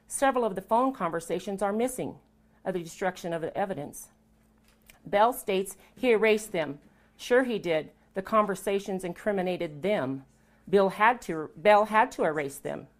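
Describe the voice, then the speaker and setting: An older woman from Colorado gives testimony, reading a prepared statement in a firm, indignant tone. Her pitch sits in a middle range, and she breaks off now and then for pointed, clipped asides. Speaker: interviewee giving testimony.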